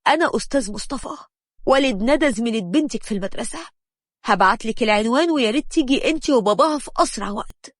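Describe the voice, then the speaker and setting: Woman doing sympathetic middle-aged man, Egyptian Arabic accent, gentle, reassuring. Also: on the high side, expressive, quick pace, no room sound, studio quality. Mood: calming. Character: calm sympathetic middle-aged father of a classmate.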